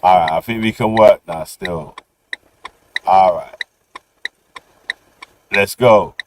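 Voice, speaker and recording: A male livestream host with a London roadman accent talks casually and slangily in a lowish voice. His delivery is slow and loose, full of repeated tag questions as he chats to his stream outdoors. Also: background noise. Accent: London, street roadman style. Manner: slangy, repetitive, punctuated with "yeah?" and "innit". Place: outdoors on city streets while streaming.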